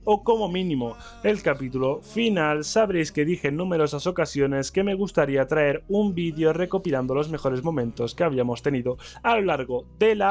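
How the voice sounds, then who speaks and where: A man with a Spain Spanish accent giving excitable let's-play commentary, reacting loudly and laughing at the game. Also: fairly high pitch. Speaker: gaming YouTuber.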